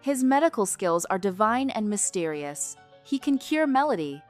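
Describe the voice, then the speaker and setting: A man voicing a poised businesswoman who speaks in a measured, persuasive way. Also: high-pitched, very animated, faint music behind, pitched above the performer's own voice. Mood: earnest.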